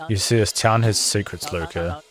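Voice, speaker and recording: A man's voice: lowish voice, fairly even intonation, moderate pace, natural voice. A man reading as a coaxing, evasive older man. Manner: coaxing, reading lines aloud. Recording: game music playing behind.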